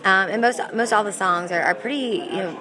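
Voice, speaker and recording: With crowd chatter audible behind her, a young female country singer answers interview questions in an upbeat, chatty way. Her voice is mid-range and a little fast, and she often restarts her sentences.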